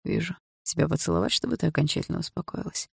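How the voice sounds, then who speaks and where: A woman voicing a cocky, mocking teenage boy with a low, smooth, laid-back drawl. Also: level tone, moderate pace, warm tone, no echo, studio quality. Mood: teasing.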